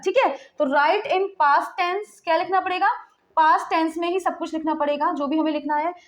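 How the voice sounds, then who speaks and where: A woman's voice: sits high, lo-fi sound. A young woman teacher giving a casual online lesson, mixing Hindi and English, repeating points and checking in with students often. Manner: repetitive, checks in with "theek hai" constantly; mixes Hindi and English mid-sentence.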